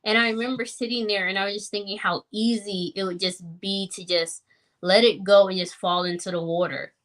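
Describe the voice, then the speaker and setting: A woman's voice: mid-range voice, steady tone, fairly quick, fairly bright tone. A woman in her thirties recounts her own story in a podcast chat. She talks earnestly and reflectively, leaning on "like" and "you know" as she goes. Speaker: guest sharing her story. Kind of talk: personal testimony in podcast conversation.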